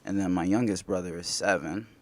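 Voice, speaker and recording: Deep-voiced man in his twenties, relaxed. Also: fairly quick. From Indianapolis, United States. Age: 20s. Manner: relaxed, talks in loose rambling runs with many fillers. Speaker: guest. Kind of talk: casual conversation.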